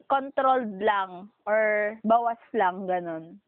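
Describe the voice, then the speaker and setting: A woman's voice: medium pitch, takes it slowly, no room sound. A young Filipino woman co-hosting a podcast, chatting animatedly and laughing, recorded by phone. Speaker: podcast co-host. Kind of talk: casual chat. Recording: phone line, dry.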